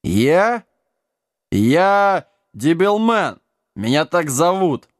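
Man doing a hoarse dim-witted giant. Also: fairly high pitch, big pitch swings, extremely slow, dry recording, studio quality, voice pushed up, full character voice. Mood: gruff. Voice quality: hoarse, muffled. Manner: coarse, slangy, touchy. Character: huge dim-witted rough male giant.

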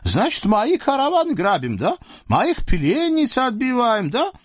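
A man's voice: huge pitch swings, no room sound, studio quality, heavily acted. A man voicing a greedy, childish sultan who talks in wheedling exclamations. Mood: indignant, delighted. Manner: shrill wheedling exclamations with drawn-out "eh". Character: greedy, childish male sultan, gleeful and fickle.

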